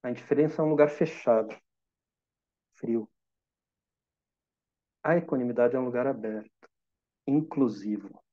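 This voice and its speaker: A man with a Brazilian Portuguese accent giving a calm, reflective meditation talk, teaching through simple examples and questions to listeners. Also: mid-range voice, moderate pace, pauses often, highs cut off.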